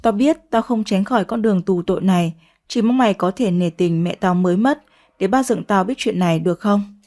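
A woman's voice: medium pitch, a little fast, mellow, lightly acted. A woman voicing a remorseful young woman who begs forgiveness in a pleading, ashamed way.

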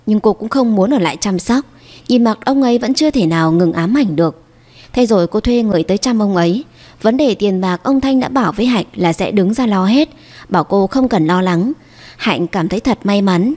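A woman reads a dramatic story aloud and speaks every character's lines herself. Her voice is mellow and sits at a middle pitch. The recording carries a long, hall-like reverb. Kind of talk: dramatic story narration voicing all characters.

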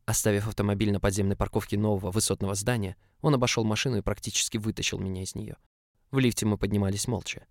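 A man narrating a novel in the first person in an even, measured reading. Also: lowish voice, dry recording, studio quality. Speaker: audiobook narrator.

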